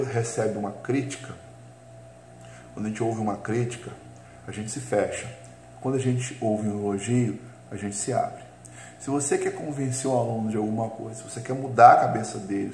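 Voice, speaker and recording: Male coach, mid-pitched, hesitant fillers, answers his own questions; roomy recording with a faint hum. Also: a little mellow. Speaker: coach giving teacher training. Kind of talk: instructional talk. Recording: echoey room with faint hum.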